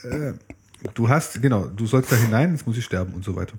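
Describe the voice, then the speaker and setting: A man's voice: mid-range voice, lively intonation, brisk, warm tone, slight background noise. A man co-hosting a casual chat, reading a fairy tale aloud and breaking off with jokey asides. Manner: jokey, interrupts his own reading with asides.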